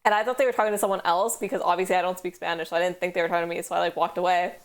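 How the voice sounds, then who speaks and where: A woman's voice: on the low side, steady tone, racing. A young woman from Canada with a West Coast Canadian accent, chatting casually on a stream and rambling with lots of "like". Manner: heavy use of "like", rambling storytelling. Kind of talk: casual chat. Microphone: headphones.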